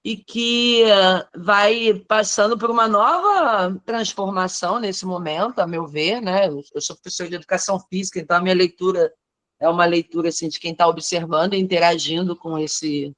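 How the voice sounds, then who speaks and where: A woman's voice: lowish voice, a bit bright, no echo. A woman teacher from Rio de Janeiro, speaking thoughtfully on a video call and often adding "né?". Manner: thoughtful, measured, frequent "né?" tags. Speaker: teacher in a training course. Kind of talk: reflective discussion on a video call.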